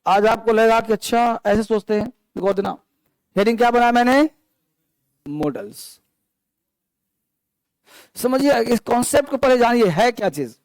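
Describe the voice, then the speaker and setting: A man's voice: very high-pitched, normal speed, pauses often, no echo. A man teaching an English grammar class to students in a classroom, talking straight to them and asking the class questions as he explains. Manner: addresses students as children, asks the class questions. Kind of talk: classroom lecture. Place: classroom with students, also streamed online.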